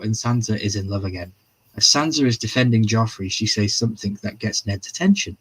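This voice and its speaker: A man's voice: lowish voice, slightly rough. A man hosting a casual live-stream recap, chatty and profane, reading viewers' comments aloud as he goes.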